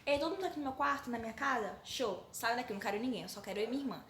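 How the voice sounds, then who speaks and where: A woman's voice: on the high side, animated, a bit bright, reverberant, slight background noise. A woman doing a curt, selfish young prince. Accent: Brazilian Portuguese. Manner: curt, dismissive, rapid.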